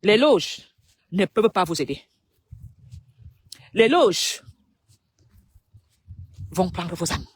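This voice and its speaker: A woman with a Cameroonian French accent makes an impassioned public appeal in a lowish, expressive, husky voice. She speaks emphatically in short phrases broken by dramatic pauses.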